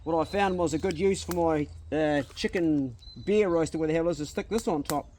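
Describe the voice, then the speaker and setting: A man's voice: fairly high pitch, fairly quick, darkish tone. A laid-back man with a broad New Zealand accent, chatting casually in slangy speech while he does a task as an outdoor vlogger. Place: outdoors, rural. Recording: outdoors with clear background nature noise.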